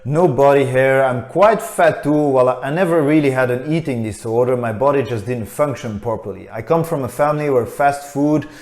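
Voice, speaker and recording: A man in his thirties from Belgium tells his own story in a scripted, candid voice, frank and a little self-mocking. His pitch sits in an ordinary middle range for a man. The room around him gives the voice a noticeable echo. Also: moderate pace, hardly any pauses, a little mellow. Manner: candid, matter-of-fact, self-deprecating. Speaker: vlogger. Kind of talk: scripted personal narration. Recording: roomy echo.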